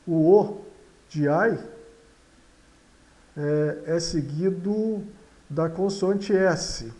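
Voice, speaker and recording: Guy teaching french sounds, high voice, mellow tone, slow and hesitant. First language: Portuguese. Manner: slow, halting, many fillers and repetitions. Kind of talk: explaining pronunciation rules.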